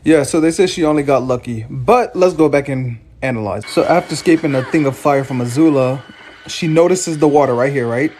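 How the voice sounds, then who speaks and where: A man's voice: medium pitch, fairly quick, a little mellow, slight background noise. A man giving casual commentary, explaining a fight scene step by step.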